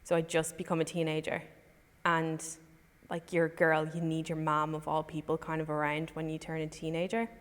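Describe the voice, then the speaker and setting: A woman in her twenties speaking softly and reflectively in a documentary interview. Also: low-pitched, monotone, moderate pace, long reverb tail. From Ireland. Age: 20s.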